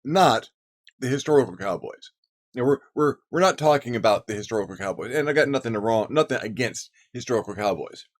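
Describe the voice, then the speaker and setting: A man's voice: mid-range voice, lively intonation, a little fast. A man hosting a casual, rambling monologue about game ideas, with many fillers and restarts. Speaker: host. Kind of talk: casual monologue on tabletop gaming.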